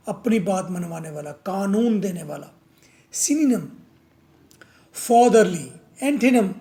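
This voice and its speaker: A man's voice: high-pitched, darkish tone. A man teaching a vocabulary lesson, drilling words over and over and answering his own questions.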